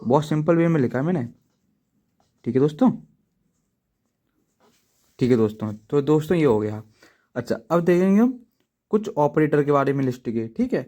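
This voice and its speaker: A man explains programming step by step in a loose, chatty tutorial manner, stopping often to check in with his listeners. His voice sits slightly high but sounds dark and mellow. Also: animated, brisk. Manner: chatty, repeats "ठीक है दोस्तों" often; self-deprecating asides to viewers. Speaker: coding teacher. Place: at home writing in a notebook.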